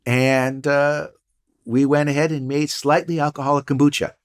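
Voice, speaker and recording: A man's voice: a little high, flat delivery, normal speed, clean tone. An older man, a guest entrepreneur and professor, telling stories in a casual interview with dry, punning humor. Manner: storytelling, wry and punning.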